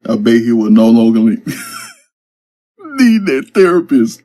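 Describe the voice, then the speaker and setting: A man's voice: on the low side, little pitch movement, measured pace, warm tone. A man voicing a playful young man who jokes with his friends in slangy banter. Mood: teasing.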